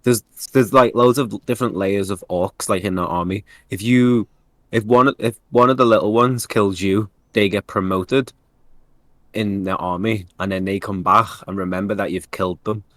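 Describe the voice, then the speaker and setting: A man co-hosting a casual podcast, talking fast and acting out lines he quotes. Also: on the low side, no room sound. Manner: animated, swearing, acts out quotes. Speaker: podcast co-host. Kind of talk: casual chat.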